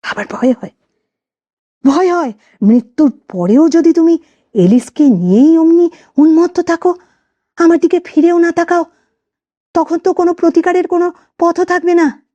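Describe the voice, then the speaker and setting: A woman's voice: very high-pitched, normal speed, pauses often, mellow, dry recording, lo-fi sound, voice pushed up. A woman voicing the bitter, vengeful ghost of a jilted woman who speaks in a cold, hissing, taunting way, in an audio story. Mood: aching.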